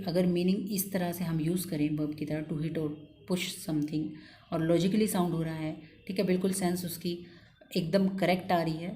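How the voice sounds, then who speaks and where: A woman's voice: lowish voice, warm tone, a little hiss or hum. A woman teaching an English grammar lesson in a patient, coaxing way, repeating key points and checking in with her students after each one.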